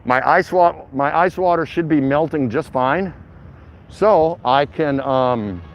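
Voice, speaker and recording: A higher-pitched man hosts a casual walking livestream outdoors in a city bayside area, speaking at a slow pace as he rambles to his live chat. The recording is dull, lo-fi mobile audio with clear traffic, passing vehicles and urban background noise.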